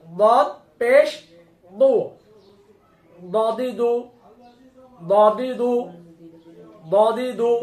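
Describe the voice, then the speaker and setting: A woman teaching Quran reading through a slow syllable-by-syllable spelling drill. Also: on the high side. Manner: slow, drawn-out, instructive recitation. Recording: echoey room.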